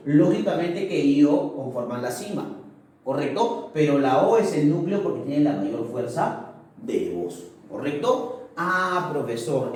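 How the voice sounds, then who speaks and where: A man's voice: on the high side, mellow. A male language teacher explaining a lesson and checking understanding with frequent tag questions. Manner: explanatory, keeps asking "¿correcto?". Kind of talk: recorded video lesson. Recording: very echoey room, mic far off.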